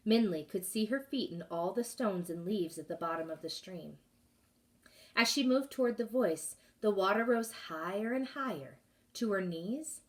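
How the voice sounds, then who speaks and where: A woman teacher reading a chapter book aloud to her class, expressive and pausing to ask questions. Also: fairly low pitch, far from the mic.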